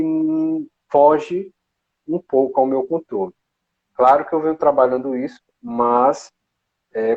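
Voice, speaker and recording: Mellow-voiced man on a dull stream. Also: mid-range voice. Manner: hesitant, many restarts and "né?". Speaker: panelist in a live talk. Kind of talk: casual live talk on emotions. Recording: dull lo-fi live stream audio.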